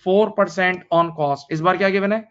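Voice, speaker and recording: His voice sits high, clear and resonant, with fairly even intonation and a moderate pace, while the recording's highs are cut off. The speaker is a man in his thirties with an Indian English accent giving an online accounting lecture, patiently repeating key points, calling students "beta," and mixing English into Hindi.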